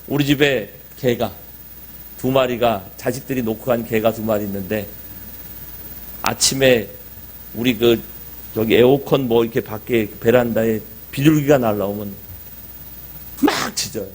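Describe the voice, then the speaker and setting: A man's voice: medium pitch, normal speed. A middle-aged man pastor preaching a sermon in a church, talking conversationally and asking the congregation rhetorical questions. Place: church sanctuary.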